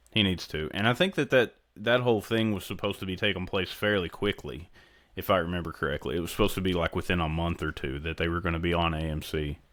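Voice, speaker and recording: Guy with a really low voice on a podcast, chill and chatty, laughs a lot. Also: fairly bright tone. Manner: laid-back, laughs easily. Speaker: podcast co-host. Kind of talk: casual chat.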